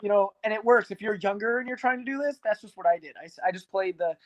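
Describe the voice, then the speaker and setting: A fast-talking young man with a high voice, in his early twenties, is a guest in a relaxed interview chat. He runs an arcade business and speaks in a frank, rambling style packed with fillers.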